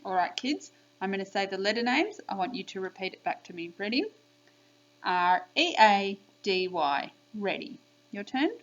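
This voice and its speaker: A woman teaching young children a spelling lesson on video, sounding out letters and sounds slowly and clearly. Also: mid-range voice, expressive. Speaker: primary school teacher. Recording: slightly dull lo-fi sound.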